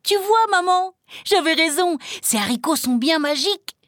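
Woman doing a cheeky, quick-witted boy. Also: on the high side, animated, no room sound, clean studio sound, lightly acted. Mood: triumphant. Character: cheeky clever peasant boy.

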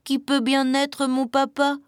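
A woman voicing a small, lonely green chick who pleads eagerly in a high voice. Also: monotone, unhurried, dry recording, studio quality. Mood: pleading.

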